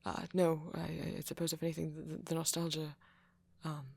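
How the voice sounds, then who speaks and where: A woman acts out a bashful young male vampire for an ASMR roleplay monologue to the listener, using a very breathy, low, gravelly voice that is soft and often half-whispered. Heavily acted yet completely flat in delivery, at normal speed with no echo, he sounds awkward and self-conscious, hesitating and stammering anxiously with apologetic turns.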